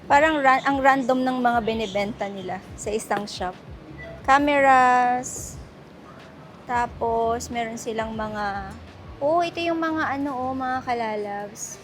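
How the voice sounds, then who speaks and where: A woman's voice: on the high side, slow. A Filipino woman vlogging casually while she walks through a mall, chatty and laughing often as she mixes Tagalog and English. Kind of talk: casual travel vlog. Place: shopping mall. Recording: loud music playing over voice. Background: background music.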